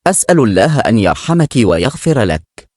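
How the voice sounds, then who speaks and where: A young woman speaks quiet words of forgiveness, as a male narrator reads her part. The tone is soft and calm, with a dry, close sound. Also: mid-range voice, fairly quick, no echo. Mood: forgiving.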